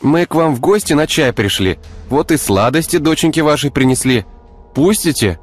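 A man voicing a brash young man who talks in a brisk, teasing way. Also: mid-range voice, animated, soft background music, pitched above the performer's own voice, close to an everyday voice. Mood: syrupy. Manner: brisk, teasing, sometimes syrupy.

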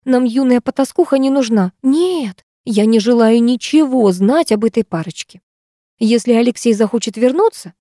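Lady doing a snooty rich mom, icy and cutting, kinda high voice. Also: warm tone, no room sound, studio quality. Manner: cold, contemptuous, cutting. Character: haughty wealthy middle-aged violinist mother.

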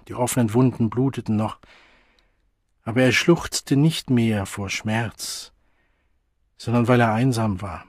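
Guy narrating an audiobook, slow and dramatic, husky voice, dry sound. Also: mid-range voice, no echo. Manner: measured, dramatic storytelling. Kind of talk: scripted narration.

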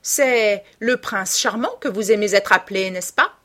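A woman voicing a jeering woman in an opium den, with a hoarse, cracked voice and a shrill sneer. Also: a little slow, fairly bright tone.

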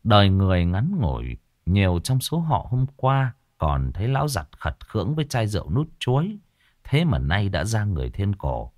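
A man narrating a ghost story in a folksy, animated storytelling manner. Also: on the low side, normal speed, dry recording, clean studio sound.

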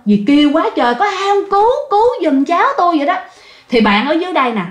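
Chatty woman telling ghost stories. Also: fairly high pitch. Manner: conversational, addresses listeners directly. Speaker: storyteller. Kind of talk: ghost story narration. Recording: roomy echoey recording.

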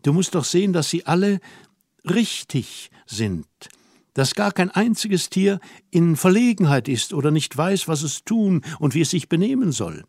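A lively, dreamy young woman from an audiobook, musing and coaxing in a soft, gentle way, read by a man who keeps close to his own voice. the voice sits fairly high and sounds dry and close, with no room around it. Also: moderate pace, dry recording. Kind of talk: audiobook reading.

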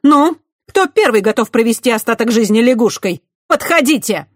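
An audiobook reader voicing a proud, defiant condemned witch woman who speaks in shrill, fierce outbursts. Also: measured pace, dark tone, slightly rough, dry recording, clean studio sound. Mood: scornful. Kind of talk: audiobook character voice.

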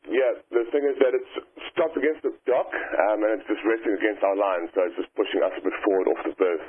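A man with a deep, husky voice calls the coast guard over marine radio. He reports calmly and plainly, with a few fillers. The sound is squeezed and narrow, like a radio transmission. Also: fairly quick. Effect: marine VHF radio transmission. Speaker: yacht crew member calling the coast guard. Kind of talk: radio call reporting an incident.

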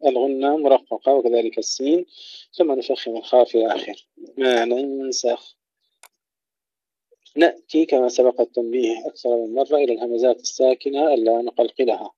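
Mellow-voiced man teaching Quran recitation. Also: mid-range voice, fairly even intonation, no room sound, highs cut off. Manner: recites words slowly, then explains each rule plainly. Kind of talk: tajweed lesson with recited examples.

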